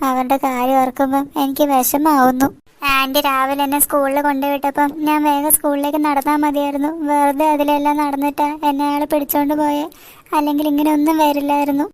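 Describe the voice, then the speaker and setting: പേടിച്ച ഒരു സ്കൂൾ ബാലൻ, ഒരു സ്ത്രീ അവതരിപ്പിക്കുന്നു. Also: female voice, high voice, lightly acted. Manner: pleading, anxious. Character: frightened young schoolboy, gentle. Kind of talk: cartoon voice acting.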